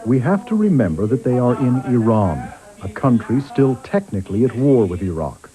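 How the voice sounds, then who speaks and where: Man, documentary narrator, grave and measured, mellow voice, worn vhs tape copy. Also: mid-range voice, big pitch swings, poor audio. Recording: faint music underneath, worn tape.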